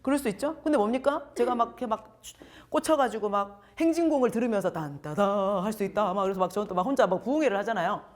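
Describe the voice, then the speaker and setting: A middle-aged woman lectures in a large hall with a fairly high voice that rises and falls sharply. She acts out the people she quotes and keeps throwing questions to the crowd. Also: lively intonation, racing. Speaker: strengths coach giving a lecture. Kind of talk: lively lecture to young adults.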